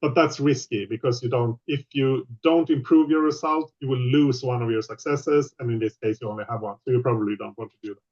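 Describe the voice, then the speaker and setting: A man running a tabletop game online as game master, explaining rules patiently with many pauses. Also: mid-range voice, a little mellow, lo-fi sound.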